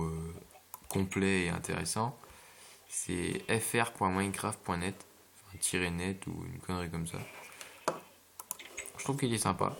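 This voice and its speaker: A man's voice: low-pitched, vocal fry, fairly bright tone, a little hiss or hum. A man giving casual, rambling gameplay commentary with hesitations and jokey asides, recorded on a home computer mic. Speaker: gameplay video maker.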